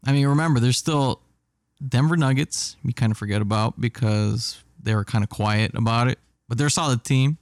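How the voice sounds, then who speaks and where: A man talking basketball in a relaxed chat, laughing often and trailing off mid-thought. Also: mid-range voice, moderate pace, dry recording, studio quality. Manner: laid-back, laughs often, trails off and restarts.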